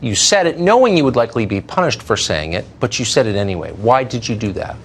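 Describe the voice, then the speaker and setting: A man's voice: medium pitch, sing-song, fast, slight background noise. A man interviewing a guest in an earnest, conversational way, sometimes restarting his sentences.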